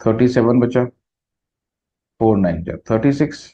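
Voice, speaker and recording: A man teaches a math lesson at an unhurried pace, working through each step aloud and answering his own questions. His voice sits at a middle pitch. The recording sounds dull and lo-fi. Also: expressive, warm tone. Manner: slow, step-by-step explaining, mixing Hindi with English math terms; asks questions and answers them himself. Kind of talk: classroom lecture at a whiteboard.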